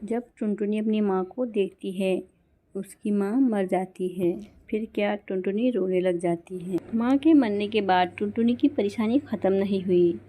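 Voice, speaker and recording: Woman telling a kids cartoon story, dark mellow voice, plain delivery. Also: mid-range voice, a little slow. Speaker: narrator. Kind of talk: scripted storytelling narration.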